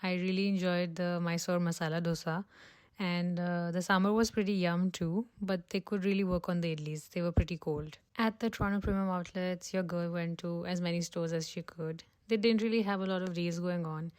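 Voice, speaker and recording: Woman lifestyle vlogger, slightly low pitch, upbeat casual chat straight to camera. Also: steady tone, fairly quick, darkish tone. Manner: chatty and upbeat, talks straight to viewers.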